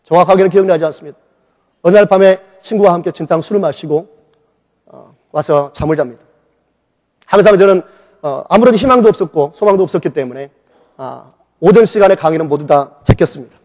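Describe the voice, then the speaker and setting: High-voiced pastor preaching in a reverberant hall. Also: male voice, a little fast, long pauses. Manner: animated storytelling, acting out his own shouts and quoted voices. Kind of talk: sermon with personal testimony. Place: church sanctuary. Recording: long reverb of a church hall.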